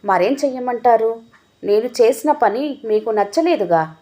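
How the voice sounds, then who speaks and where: A woman's voice: on the high side, expressive, measured pace, warm tone. A woman voicing a timid, hurt young wife who pleads hesitantly.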